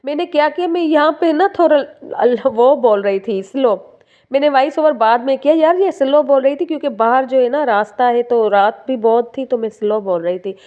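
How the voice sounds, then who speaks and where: A woman's voice: high-pitched, moderate pace, lo-fi sound. Chatty woman vlogging at home. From Sindh, Pakistan. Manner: chatty, addresses viewers warmly with fillers. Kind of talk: casual voice-over narration. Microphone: phone.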